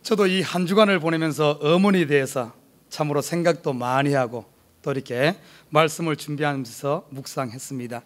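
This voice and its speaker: Man, middle-aged, Gyeongsang accent, pastor, sermon in a church, joking personal story, slightly high voice. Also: moderate pace. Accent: Gyeongsang Korean. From South Korea. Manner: storytelling with humor, lively and animated. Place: church sanctuary.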